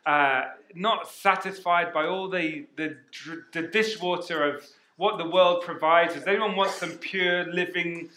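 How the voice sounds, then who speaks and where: A man preaching a sermon as pastor, energetic and questioning the congregation, on a headset mic in a church hall. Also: sits high.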